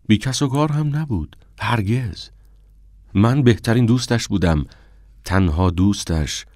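Male audiobook narrator, very low voice, measured and somber, dry booth sound. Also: a little mellow, dry recording. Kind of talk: scripted first-person narration.

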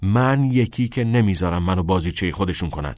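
A man voicing a brash, pushy teenage schoolboy in a novel read aloud, loud and exasperated. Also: low voice, expressive, dry recording, clean studio sound.

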